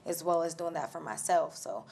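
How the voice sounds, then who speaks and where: Gravelly-voiced young woman from Denver. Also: deep voice, expressive, normal speed. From Denver, Colorado. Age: 20s. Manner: hesitant, many ums, soft-spoken. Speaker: guest. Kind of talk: casual interview answers.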